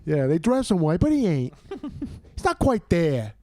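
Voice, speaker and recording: A man's voice: on the high side, big pitch swings, normal speed, a little mellow, dry recording, studio quality. A man hosting a casual sports watch-along stream, swearing and laughing often into a headset mic. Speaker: livestream host.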